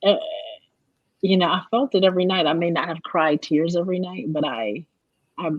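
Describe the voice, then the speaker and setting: A stage actress in her thirties talks through her stories with lively energy, often restarting her sentences. Her voice is husky, and the recording is dry and close. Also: on the low side, moderate pace, dry recording, muffled recording. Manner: animated storytelling with restarts. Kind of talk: casual interview chat.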